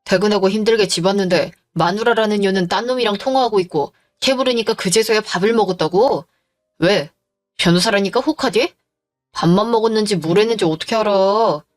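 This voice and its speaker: A woman's voice: medium pitch, a little fast, soft background music, close to an everyday voice. A woman voicing a crude, jealous husband who accuses his wife and bullies her, in a dramatized story. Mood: contemptuous.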